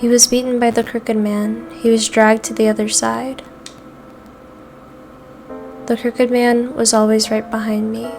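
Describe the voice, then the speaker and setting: A woman's voice: a little high, flat delivery, a little slow, creaky, long pauses, a little mellow, soft background music. A woman voicing an anxious, grieving young man who pleads earnestly for his sick mother, reading game dialogue aloud. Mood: somber.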